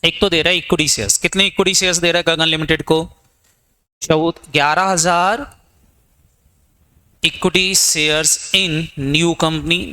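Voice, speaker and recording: An Indian man teaching accounting in a classroom lecture, quizzing students and urging quick answers, mixing English terms into Hindi. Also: a little high, bright, forceful tone, clear, resonant tone.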